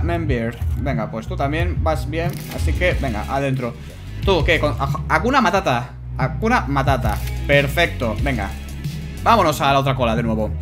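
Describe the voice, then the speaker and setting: A man with a Spanish accent giving casual, animated commentary on a video game as he plays, swearing and shouting at his own mistakes. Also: on the high side. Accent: Spanish from Spain. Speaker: gameplay YouTuber. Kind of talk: casual let's-play commentary. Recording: music playing behind.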